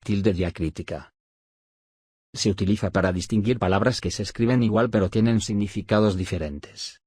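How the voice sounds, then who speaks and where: A man reading spelling rules aloud as a scripted study audiobook, in a measured, list-like dictation with pauses. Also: fairly low pitch, a little mellow, breathy edge, no room sound, studio quality. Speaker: audiobook narrator of a study syllabus.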